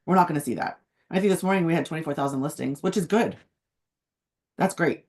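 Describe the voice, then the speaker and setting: A woman real estate agent with a hoarse, phlegmy voice, chatting casually about the housing market. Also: low voice, fast, a little mellow. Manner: chatty, uses many fillers. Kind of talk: casual market update chat. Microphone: video call.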